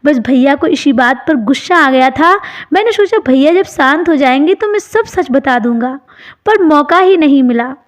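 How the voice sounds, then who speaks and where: A woman's voice: high voice, lively intonation, normal speed. A woman reading the part of a tearful young man who pleads with his sister-in-law in a choked voice. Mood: pleading.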